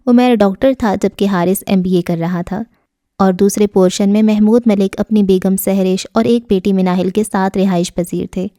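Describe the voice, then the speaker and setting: A woman narrating a novel in steady, even storytelling for an audiobook. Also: medium pitch, dry recording, studio quality.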